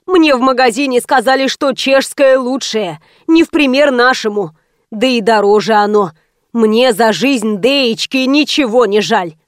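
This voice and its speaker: A woman's voice: a little high, measured pace, no room sound, clean studio sound, lightly acted. A woman putting on a chattering old neighbor lady. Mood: insistent. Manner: pleading, chattering. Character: fussy, grateful elderly woman neighbor.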